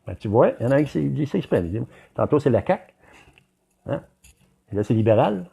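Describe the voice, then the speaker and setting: A man's voice: mid-range voice, very animated, a little fast, vocal fry, mellow, husky. A man with a Québécois French accent hosting a live stream, reading viewer comments aloud and chatting straight to his audience. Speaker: livestream host.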